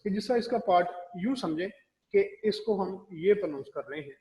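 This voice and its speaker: A man teaching English pronunciation in a recorded classroom lecture, explaining slowly and spelling words out letter by letter. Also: sits high, expressive, a little mellow, echoey room, long reverb tail, poor audio.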